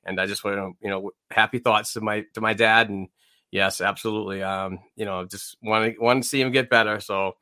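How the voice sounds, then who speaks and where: A man's voice: on the low side, steady tone, a little fast, pushed and bright, no echo, studio quality. A man co-hosting a sports podcast in casual, conversational talk. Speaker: podcast co-host. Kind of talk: casual chat about hockey.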